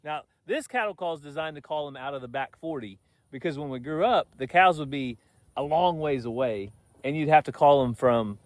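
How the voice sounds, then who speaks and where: With farm animals around him, a man vlogs from his farm in easygoing chat, teasing and drawling in folksy farm talk. His voice is a little high, expressive, and brisk.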